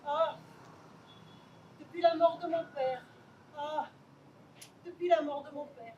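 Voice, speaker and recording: A woman's voice: sits high, fairly even intonation, slow, mellow, muffled recording, a little hiss or hum. An actress playing a nervous, giggly woman who says every sentence twice, with a flustered delivery in an amateur stage play. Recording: stage voice from a distant mic.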